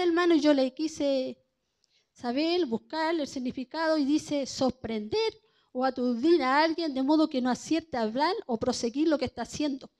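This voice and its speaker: Woman, high voice, sermon, chatty, asks listeners questions. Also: a little mellow. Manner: conversational, keeps asking "¿no es cierto?". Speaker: preacher.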